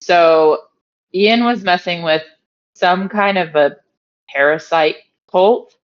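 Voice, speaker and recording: A woman's voice: lowish voice, slow pace, highs cut off, voice pushed up. Woman playing an uneasy young thief. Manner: hesitant, stumbling.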